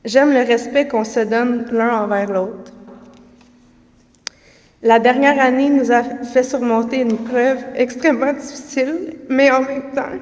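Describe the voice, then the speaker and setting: A woman with a fairly high voice and a Quebec French accent delivers heartfelt wedding vows. The recording carries the long reverb of a hall. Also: fairly even intonation, a little slow, a little mellow. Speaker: bride. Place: wedding ceremony.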